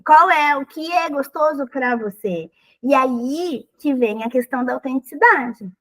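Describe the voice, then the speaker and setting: High-voiced expressive Brazilian-podcast woman. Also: measured pace, poor audio. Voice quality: thin high voice. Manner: animated and expressive, acts out little quotes. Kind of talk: casual conversational advice.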